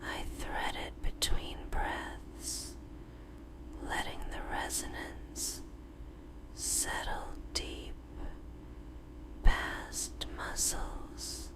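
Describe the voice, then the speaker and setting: A woman in a whispered role-play as a tender, devoted girlfriend, speaking soothingly in a breathy, unvoiced whisper with drawn-out pauses. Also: rough recording. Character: tender, devoted girlfriend lulling her lover to sleep.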